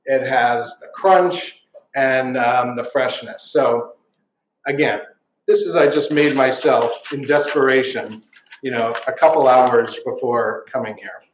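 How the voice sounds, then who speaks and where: A man's voice: mid-range voice, slow, a little hiss or hum. A man giving a chatty, jokey show-and-tell at a live event, full of wry asides. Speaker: local writer presenting. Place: art gallery at a live event. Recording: roomy, dull live recording.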